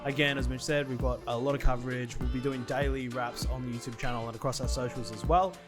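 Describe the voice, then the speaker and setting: An easygoing man hosts a football news chat in a mid-range voice. He talks in a relaxed, friendly way, with music clearly audible behind him. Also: medium pitch, fast. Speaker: co-host. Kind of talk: casual sports chat.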